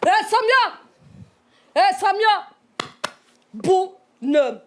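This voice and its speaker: A woman voicing a brash, excited young Algerian man who brags loudly. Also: very high-pitched, a little hiss or hum, pitched above the performer's own voice, exaggerated voice. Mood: boisterous. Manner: loud, boastful, rapid.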